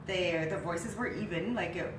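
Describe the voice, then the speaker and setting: With a lowish voice at a moderate pace, a woman in her thirties, nasal from a cold, co-hosts casual sports talk from a living-room couch. She chats freely and gets animated when excited. The far camera mic leaves the recording roomy, distant and hissy.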